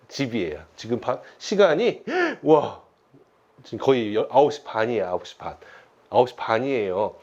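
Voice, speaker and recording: Animated man telling a children's sermon. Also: mid-range voice, highs cut off. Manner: animated storytelling to children, acting out quotes. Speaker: pastor. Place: at home.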